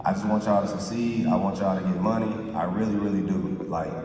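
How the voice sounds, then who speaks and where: A man's voice: low voice, fairly even intonation, a little fast, over music. A man in his twenties speaking to a live audience, boastful and slangy, often asking "you feel me?". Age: 20s. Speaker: guest speaker. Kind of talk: motivational talk to a live audience. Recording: echoey hall, far from mic, crowd noise.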